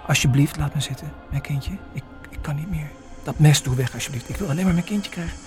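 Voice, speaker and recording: A man's voice: fairly high pitch, big pitch swings, a little slow, music in the background, voice pushed up. A man voicing a pleading pregnant mother. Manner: pleading, sobbing, breathless. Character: terrified pregnant mother pleading for her life.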